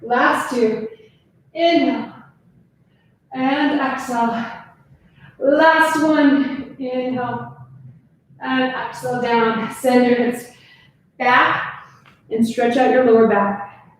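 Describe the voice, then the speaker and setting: A woman's voice: sits high, fairly even intonation, takes it slowly, long pauses. Breathless woman pilates instructor, echoey studio. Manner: counts reps and cues breathing while demonstrating. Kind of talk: live online workout class. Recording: very echoey room with faint noise.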